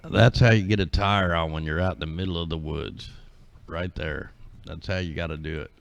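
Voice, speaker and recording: Male call-in host, very low voice, relaxed rambling chat, dull lo-fi audio. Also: a little fast, vocal fry. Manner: laid-back, rambling. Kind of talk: casual live-stream chat.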